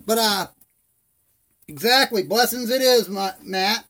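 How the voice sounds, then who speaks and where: A man's voice: high voice, slow, bright, forceful tone. A man with toothless, slightly slurred speech, lips over gums, hosting a casual live stream in a rambling, friendly way. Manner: rambling, friendly, addresses viewers as buddy.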